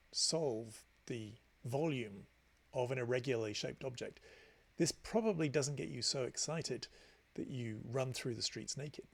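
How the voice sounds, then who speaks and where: A man's voice: mid-range voice, creaky, breathy edge. A man teaching a meditation class, explaining ideas in a chatty storytelling way with self-deprecating asides. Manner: gives friendly explanations with frequent restarts. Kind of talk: informal class talk.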